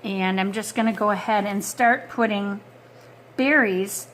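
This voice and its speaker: A woman's voice: mid-range voice, measured pace, a bit bright. A woman giving a casual watercolor painting tutorial at home, talking close to the mic and thinking aloud with lots of fillers. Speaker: art instructor. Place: home studio with a wood stove. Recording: faint blower hum behind.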